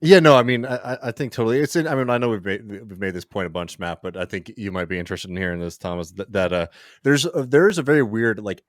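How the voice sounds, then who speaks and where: Deep-voiced man, rambling podcast host. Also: no echo, studio quality. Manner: rambling, heavy fillers. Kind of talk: casual political chat.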